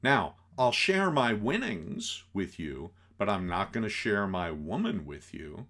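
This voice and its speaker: Animated man slowly explaining a film. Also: on the low side. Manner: animated, acts out quotes, many fillers. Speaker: teacher explaining an old film. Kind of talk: casual commentary lecture.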